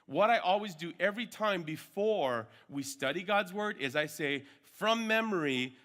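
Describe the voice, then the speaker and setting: Speaking at normal speed in a high, somewhat bright voice, a man leads an informal Bible discipleship workshop. He often tacks on "okay" or "right" to check in and switches from English to Hmong and back partway through.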